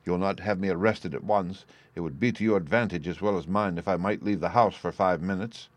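A man's voice: deep voice, a little fast, no echo. A man voicing a defiant, indignant young man in an audiobook, proud, heated and curt. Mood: firm plea. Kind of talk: audiobook character dialogue.

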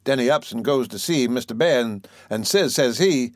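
A man voicing an old storyteller, fond and scolding, dry close sound, middle pitch. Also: expressive, moderate pace, no room sound, close to an everyday voice. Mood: folksy. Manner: fond, scolding, folksy drawl. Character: old storyteller coaxing a fussy child. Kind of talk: dialect poem recitation.

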